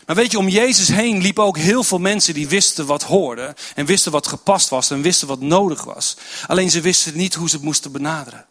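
Earnest preacher, higher voice. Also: male voice, fairly quick, hardly any pauses. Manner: earnest, repeats phrases, drops to soft voice for prayerful lines. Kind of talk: sermon. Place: church service.

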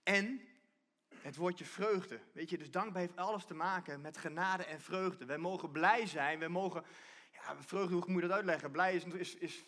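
A man's voice: sits high, moderate pace, fairly bright tone. A man giving a conversational sermon from a church stage, often restarting and repeating himself as he explains. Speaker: preacher.

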